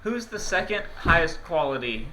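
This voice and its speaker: Teasing man at the game table, animated voice, background noise. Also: on the high side, normal speed, poor audio. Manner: playful, laughing, teasing. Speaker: player. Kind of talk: casual tabletop game chat.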